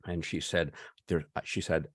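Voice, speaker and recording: A man's voice: low-pitched, little pitch movement, moderate pace, husky. A man in his fifties co-hosting a podcast, telling a long story in casual chat with many restarts. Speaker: podcast co-host.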